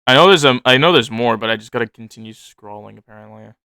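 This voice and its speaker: A man's voice: medium pitch, animated, fast, pushed and bright, clear, resonant tone, dry recording. A man casually reading his own fiction notes aloud, rambling, correcting himself and swearing freely.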